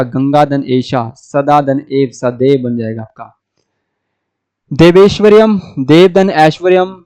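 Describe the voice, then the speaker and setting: Teaching grammar at the blackboard, a man with a Hindi accent from North India works through examples one at a time and poses rhetorical questions to himself. He has a darkish tone and a fairly high pitch.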